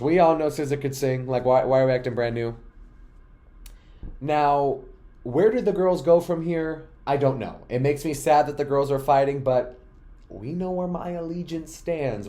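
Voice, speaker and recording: Sassy, animated man dishing pop gossip. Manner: swings between loud outbursts and low asides. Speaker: host. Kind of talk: pop culture commentary.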